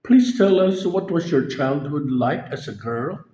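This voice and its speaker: A man hosts an interview and asks his questions formally and politely. His voice sits a little high for a man, and the recording sounds dull and lo-fi. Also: expressive, a little slow, dark tone. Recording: dull lo-fi audio.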